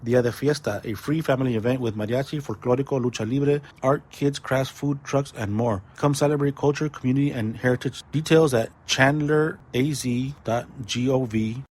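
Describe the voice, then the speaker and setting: A man's voice: medium pitch, moderate pace, hardly any pauses, a little mellow. A man hosting a community events segment, reading out announcements, dates, phone numbers and web addresses. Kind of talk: read announcements.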